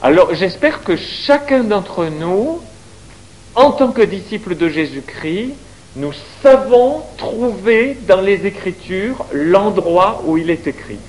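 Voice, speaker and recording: A man's voice: high voice, takes it slowly, low-quality recording. A man teaching the Bible to a congregation, asking them questions as he goes. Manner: lively, questions the audience.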